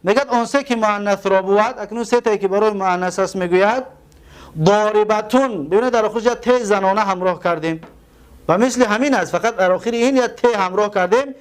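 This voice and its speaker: A man with a Tajik accent teaching a grammar lesson, repeating terms slowly and asking and answering his own questions. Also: high voice, smooth. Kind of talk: classroom lesson.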